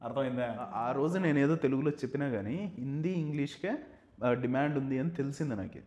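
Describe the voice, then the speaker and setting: A man's voice: medium pitch, fairly quick, darkish tone. A man from Anantapur with a Rayalaseema Telugu accent, a stand-up comedian hosting a podcast and telling stories bluntly with jokes and English words mixed in. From Anantapur village, Andhra Pradesh. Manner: blunt, joking storyteller mixing English words. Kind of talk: casual podcast chat. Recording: echoey room.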